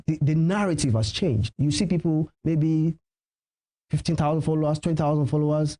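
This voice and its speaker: On a TV interview, a Yoruba-speaking Nigerian man who works as an MC and event host offers forceful advice, driving home key phrases through repetition. His voice runs on the high side and a little fast, with a dark tone.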